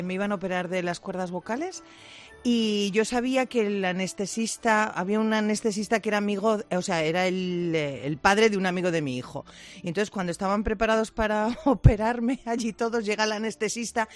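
A woman from on a radio show, telling a story with hesitant starts and laughter. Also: mid-range voice. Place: radio studio.

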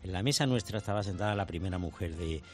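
Expressive man, low voice. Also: fast. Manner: expressive, mimics flamenco singing and voices. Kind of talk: anecdote telling on radio.

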